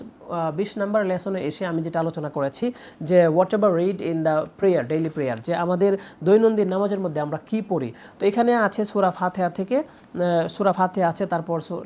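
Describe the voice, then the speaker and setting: A young woman presents her own book in a promotional talk, explaining step by step with frequent drawn-out pauses. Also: fairly low pitch, mellow.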